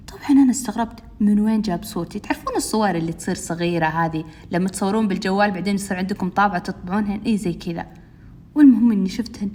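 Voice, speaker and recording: A woman's voice: mid-range voice, mellow. A young woman telling a first-person story, chatting directly to her listeners.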